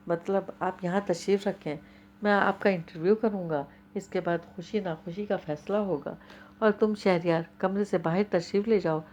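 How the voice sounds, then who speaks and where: A good-humoured young man who jokes and then gives sincere, heartfelt advice, as a woman narrator puts him on. He speaks in a somewhat low register. It is an audiobook reading of a novel. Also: steady tone, a little mellow, slight background noise, close to an everyday voice. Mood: teasing. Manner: playful teasing turning to earnest counsel. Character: teasing, earnest young man, a close friend.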